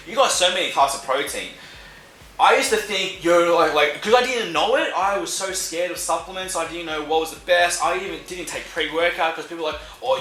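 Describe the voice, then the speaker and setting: A man's voice: fairly high pitch, bright, forceful tone. A young man with an Australian accent giving casual fitness advice, laid-back and full of slang and fillers. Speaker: fitness vlogger. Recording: echoey room with faint music.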